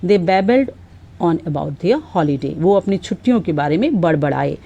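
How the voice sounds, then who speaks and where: A woman teaches vocabulary. Her voice sits low and sounds mellow. She reads each example sentence slowly and carefully before explaining it. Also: lively intonation, vocal fry, dull audio. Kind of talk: explaining word meanings.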